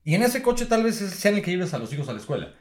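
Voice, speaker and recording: A Mexican man with a fairly high voice that swings widely in pitch, spinning anecdotes full of crude slang. He sounds like a casual podcast guest. The room gives his voice a noticeable echo. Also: sing-song, quick pace, a little mellow. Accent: Mexican Spanish. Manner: storytelling with crude slang, acts out drunk clients. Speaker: guest, owner of designated-driver service.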